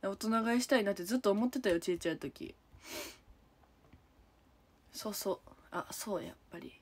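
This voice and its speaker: Husky young Kansai woman, chatty. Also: mid-range voice, normal speed, darkish tone. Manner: chatty, giggly, answers viewers one by one. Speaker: idol livestreamer. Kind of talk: casual livestream chat reading comments. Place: room at home.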